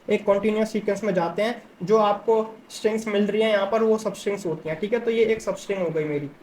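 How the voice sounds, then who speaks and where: A man's voice: high voice, a little mellow, low-quality recording. Guy walking thru a coding problem on a whiteboard, patient, keeps checking in, faint noise behind. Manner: patient, step-by-step, often checks in with the listener. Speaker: coding tutor.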